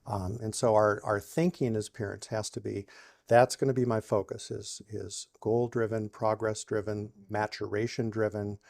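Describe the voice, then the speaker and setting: A man who co-wrote a parenting book speaks as a podcast guest, upbeat in his emphasis but pausing often with fillers. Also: lowish voice, level tone, gravelly, darkish tone, no room sound, clean studio sound. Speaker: guest author. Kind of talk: interview podcast.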